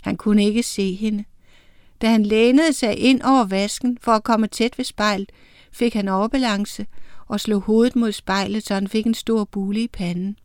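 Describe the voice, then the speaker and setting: A woman narrating a children's storybook in a clear, steady storytelling voice. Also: mid-range voice, no room sound, studio quality. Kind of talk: storybook reading.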